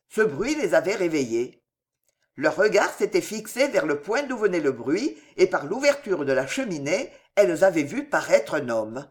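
Brief: male audiobook narrator, dramatic and expressive, lively pitch. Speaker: audiobook reader.

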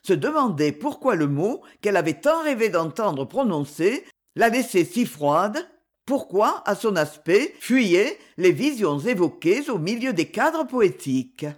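In a medium-pitched voice, a woman performs scripted audiobook narration of a classic novel, telling the story in a measured and expressive way.

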